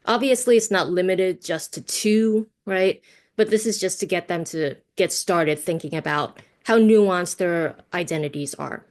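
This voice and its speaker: A US-based woman whose first language is Cantonese presents an online teaching workshop over a video call. With a mid-range voice, she keeps it conversational and often checks in using tag questions.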